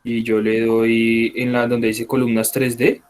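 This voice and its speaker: A male student explains what he tried on his computer, politely and hesitantly. He stops and restarts while he looks for his words. His pitch stays in the middle range. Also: monotone, unhurried. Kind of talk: asking questions in an online class.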